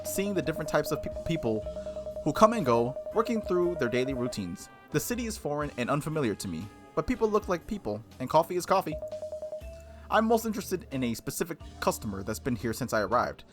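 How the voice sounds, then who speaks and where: A let's play streamer reads a visual novel aloud in a medium-pitched, sing-song, brisk voice, making casual jokes and tripping over words. Background music plays behind the voice.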